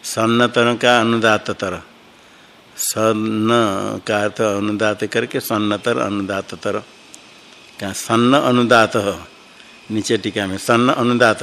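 Slow, low-voiced male teacher. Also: a bit bright. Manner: halting, thinking aloud, repeating and correcting terms. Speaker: Sanskrit grammar teacher. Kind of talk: slow classroom explanation of a grammar text.

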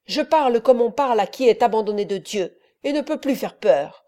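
A man's voice: sits high, expressive, normal speed, a little mellow. A woman doing a fervent old friar. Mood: wrathful. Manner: fervent, preaching. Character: impassioned elderly male friar, pleading then wrathful.

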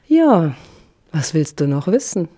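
A woman presenting a community radio show, reading her script in a calm, measured way. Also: low-pitched, dry recording. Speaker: radio host.

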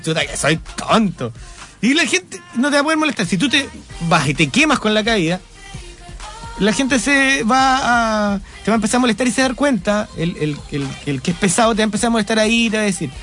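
Chilean guy on the radio, high voice, jokes around and rambles, faint music underneath. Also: expressive, fast talker, a bit bright. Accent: Chilean Spanish. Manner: joking, rambling, laughs at himself. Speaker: radio co-host. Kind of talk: casual radio chat. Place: radio studio.

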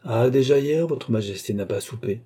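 A man's voice: medium pitch, lively intonation, moderate pace, dark tone, slightly rough. Man playing a dutiful chambermaid. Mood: reproachful. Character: fussy female chambermaid, dutiful.

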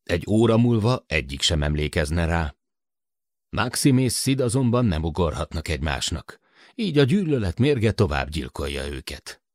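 A male audiobook narrator with a lowish voice, reading in a measured way. His intonation is lively and expressive. The recording is very dry and close, with no audible room sound. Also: no room sound.

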